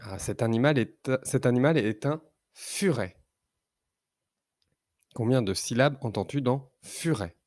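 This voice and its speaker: A male teacher leads a reading lesson for small children, pronouncing single syllables with slow, deliberate care. His pace is unhurried throughout. The recording is dry and close, with no room sound. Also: mid-range voice, lively intonation, a little mellow, no echo. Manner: slow, careful, drawn-out syllables.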